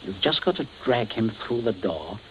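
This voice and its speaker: A man's voice: fairly low pitch, very animated, normal speed. An actor playing a scheming middle-aged father in a 1940s radio play, coldly jovial and suave while giving orders. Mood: menacing. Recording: dull old radio recording, faint hiss.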